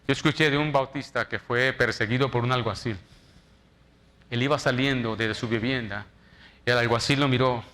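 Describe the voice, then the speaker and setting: A man preaching a sermon in church as pastor, shifting from loud dramatic quotes to soft, quiet appeals. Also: mid-range voice, fairly even intonation, normal speed.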